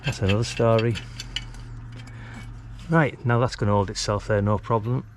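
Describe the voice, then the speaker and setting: A British DIY vlogger and radio hobbyist speaks at a moderate pace, his low voice holding fairly even intonation as he chats informally mid-task. He's working outside at a brick house wall, captured clearly over outdoor work ambience.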